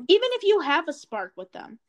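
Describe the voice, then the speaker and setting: A teenage girl co-hosts a casual podcast in a high voice. She chats in a bubbly way and turns earnest when she encourages listeners. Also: wildly swooping pitch, brisk. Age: teens. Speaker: podcast co-host.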